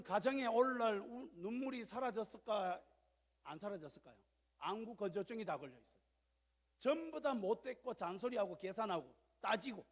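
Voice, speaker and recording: Korean pastor guy preaching, high voice, big echoey church hall, goes loud then drops real quiet. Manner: swings between loud exhortation and quiet confiding. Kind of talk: sermon. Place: large church sanctuary. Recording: long church hall reverb.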